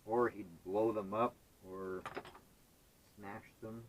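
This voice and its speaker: A man's voice: lowish voice, little pitch movement, slow pace, noisy background. A man, chatting casually and rambling with hesitant fillers while he sorts scrap metal. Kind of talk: casual chat while working.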